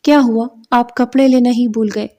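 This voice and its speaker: A scheming young woman with a shrill, theatrical edge, as a woman storyteller puts her on. The voice rides high above the teller's own and stays warm and soft in tone. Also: fairly even intonation, close to an everyday voice. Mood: coy. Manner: coy, then shrieking for help.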